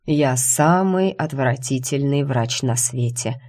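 A woman's voice: extremely low pitch, fairly even intonation, measured pace, a little mellow. Storybook doctor husband, caring and insistent, read by a woman narrator. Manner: fussy and insistent about her health.

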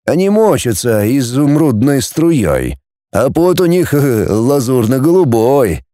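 A chatty young medic, as a male narrator voices him, cheerful and a little boastful in a storybook reading. The pitch moves a lot over a dark, mellow tone. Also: sing-song, takes it slowly, dry recording, clean studio sound.

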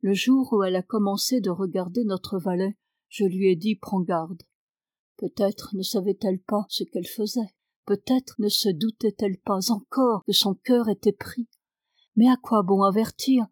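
A woman's voice: medium pitch, moderate pace, a little mellow, no room sound, clean studio sound, close to an everyday voice. A woman reading the part of a peasant man locked away as a madman, telling his story in an earnest, confiding tone. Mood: pleading.

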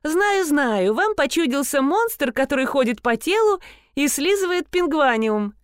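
A woman's voice: high voice, sing-song, unhurried, no echo, studio quality, pitched above the performer's own voice. A woman reading an audiobook, voicing a cheerful young salon worker who reassures a client.

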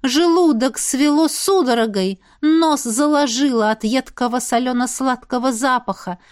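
A woman reads a first-person fantasy tale in a fairly high voice, recorded dry and close. She shifts between hushed, tense passages and rising cries. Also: unhurried, dry recording. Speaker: audiobook narrator.

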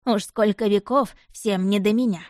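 A creaky old trickster god chuckles through his folksy teasing, as a woman puts him on. His tone is mellow and dark, and the reading is dry and close. It is an audiobook character with a sly, knowing manner. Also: mid-range voice, fairly even intonation, normal speed, no echo, natural voice.

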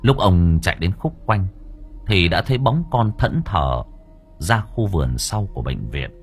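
A man tells a dark tale in a lowish voice with a very lively, rolling intonation. His dramatic delivery speeds and slows through the story, and faint music plays beneath him. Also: slightly rough. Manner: expressive, shifting tempo. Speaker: audiobook narrator.

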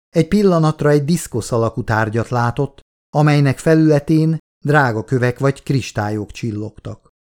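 A man reading an action novel aloud in a steady, measured storytelling voice. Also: medium pitch. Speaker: audiobook narrator. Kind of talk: scripted narration.

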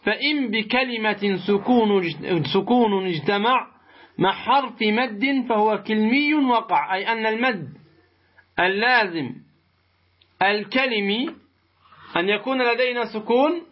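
A man teaching a tajweed lesson, explaining slowly and deliberately, pausing to pose rhetorical questions to his students. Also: sits high. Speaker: Quran recitation teacher. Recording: muffled lo-fi recording.

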